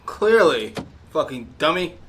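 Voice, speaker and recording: A man records casual reactions to a TV episode, and his talk swings widely in pitch. His tone is bright and animated, he swears freely, and there is a faint hiss under him. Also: measured pace. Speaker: reaction video host.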